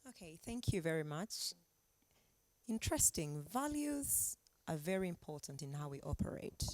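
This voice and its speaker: A woman's voice: low-pitched, very animated, moderate pace, darkish tone, dry recording. A woman from Uganda, an anthropologist speaking as a guest on a webinar panel, explaining her points reflectively with examples over a video call. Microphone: video call mic.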